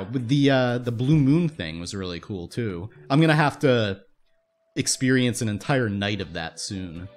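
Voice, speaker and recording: This is a young man talking through a video game, casual and upbeat, often stopping to correct himself mid-sentence. His voice is slightly hoarse, as if he's losing it. Soft game music plays quietly beneath him. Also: mid-range voice. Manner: rambling, self-interrupting, upbeat. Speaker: gaming YouTuber. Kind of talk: casual let's-play commentary. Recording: faint game music behind.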